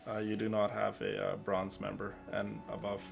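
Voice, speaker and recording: A streamer and content creator chats casually yet earnestly with his viewers while playing a video game, with game music in the background. His voice is lowish and creaky, delivered completely flat at a moderate pace.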